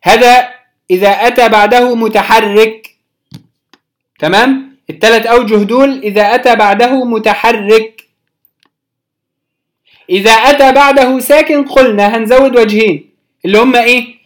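A teacher with an Egyptian accent giving a Quran recitation lesson, patiently explaining and drawing out each recited example word slowly. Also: mid-range voice, steady tone. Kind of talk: recorded religious lesson.

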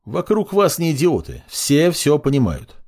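A man's voice: a little high, huge pitch swings, unhurried, a little mellow, pitched above the performer's own voice, exaggerated voice. Man voicing a curt young male judge. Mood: lecturing. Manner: brusque and lecturing.

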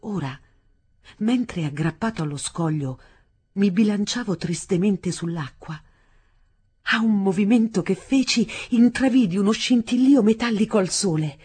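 A woman reads a novel aloud in a husky, breathy voice at a medium pitch. Her narration is dramatic and expressive, rising to loud bursts and dropping to hushed passages. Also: unhurried. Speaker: audiobook reader. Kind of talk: literary audiobook narration.

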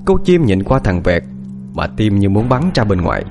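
A lowish male voice narrating a horror audiobook, with his intonation rising and falling widely for dramatic effect. Faint music plays under the reading. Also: normal speed, gravelly. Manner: expressive, dramatic storytelling.

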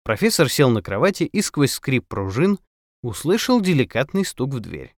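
A man's voice: medium pitch, sing-song, normal speed, dry recording, studio quality. A man reading an audiobook in a theatrical style, putting on voices for the characters. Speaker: audiobook narrator.

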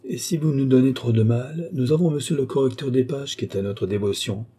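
A man's voice: mid-range voice, brisk, warm tone, slightly rough, lightly acted. A man voicing a mocking, commanding young court woman in an audiobook reading, with a teasing, condescending manner. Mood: stern.

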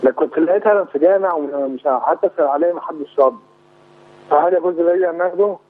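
A man, a caller phoning in to ask a sheikh a hurried question. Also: on the high side. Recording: tinny phone line.

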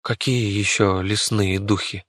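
A man's voice: lowish voice, fairly even intonation, moderate pace, a bit bright, slightly rough, no echo, studio quality. A man voicing a cautious young boy who speaks hesitantly. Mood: wary. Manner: hesitant, wary.

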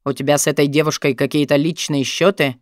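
A woman voicing a husky, brooding young man. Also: little pitch movement, brisk, dry recording, clean studio sound, lightly acted. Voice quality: low husky murmur. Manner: pressing, intense, murmured. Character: gruff possessive young man, brooding lover. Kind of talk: audiobook narration.

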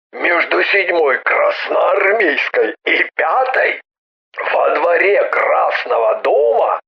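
A menacing anonymous caller, his voice distorted into a dry, scraping metallic rasp with a gravelly edge. He talks extremely slowly and sits fairly high, sliding up and down as he threatens. The sound is dull and lo-fi, as if heard through a phone line. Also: full character voice. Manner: slow, threatening, repeats the same message. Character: menacing anonymous male caller, cold and cruel. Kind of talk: audiobook drama.

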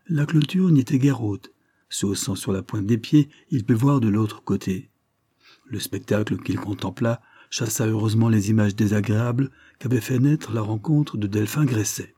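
Low, husky male storybook narrator. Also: warm tone, no echo. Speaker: audiobook reader.

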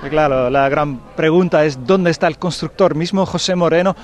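A man's voice: on the high side, fairly even intonation, normal speed. A man reporting from a street crowd, chatting and asking short direct questions. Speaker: field reporter. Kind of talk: on-location news report and street interviews. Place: outdoors on a town street among crowds.

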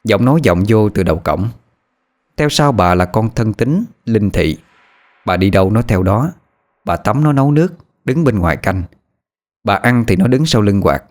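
A man narrating a rural horror story in a steady, plain reading voice. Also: fairly low pitch, normal speed.

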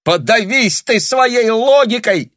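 A man voicing a hot-tempered, tearful young woman who shouts and burrs her r's, in an audiobook. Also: expressive, measured pace, dry recording, studio quality. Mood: hysterical. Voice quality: burred r. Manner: shrill, shouting.

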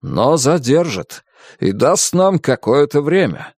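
A man's voice: fairly high pitch, sing-song, takes it slowly, a little mellow, breathy edge, no room sound, clean studio sound, voice pushed up, heavily acted. A man voicing a firm, curt king and wizard in a storybook reading. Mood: resolute.

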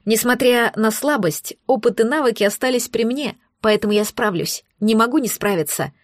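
A woman's voice: fairly high pitch, moderate pace, dry recording, clean studio sound. Woman narrating a tense fantasy audiobook. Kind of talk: first-person fantasy narration.

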